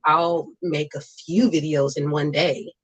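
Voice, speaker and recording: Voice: mid-range voice, fairly even intonation, slow pace, husky. A livestream guest chatting casually and bluntly, with slang, swearing and phrases repeated for emphasis, on a dull lo-fi recording. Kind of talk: casual chat.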